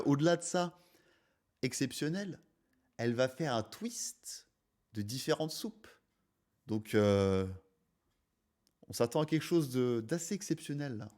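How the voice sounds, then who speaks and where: On his own channel, a man with a mid-range, slightly mellow voice reacts to a cooking video. His commentary is casual, playful, and mocking.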